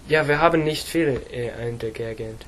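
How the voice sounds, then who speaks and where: A teenage boy from England, an English speaker practising German, answering slowly with many fillers and pauses. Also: medium pitch, slight background noise. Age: teens. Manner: halting, slow, many fillers. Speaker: student.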